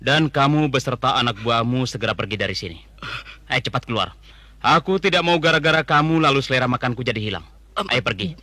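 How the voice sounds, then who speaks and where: An actor playing a haughty, commanding army leader in a radio drama, speaking in an imperious, scornful and deliberate way. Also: male voice, medium pitch, expressive, pushed and bright, no room sound. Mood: dismissive. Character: commanding, haughty male high army leader, contemptuous and menacing. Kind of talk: Indonesian radio drama acting.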